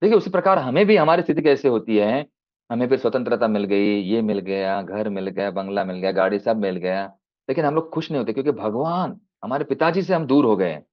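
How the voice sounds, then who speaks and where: Hindi devotional speaker on a dull video call. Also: male voice, brisk. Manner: acts out a child and father in dialogue, rising high and dropping soft; mixes in English phrases. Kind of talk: storytelling sermon.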